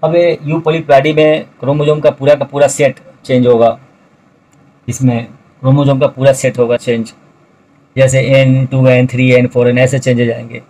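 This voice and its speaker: In a recorded video lecture, a middle-aged man who teaches biology works through his notes point by point, talking straight to his students and repeating the key terms. His mid-pitched voice stays even and flat, and the audio quality is poor.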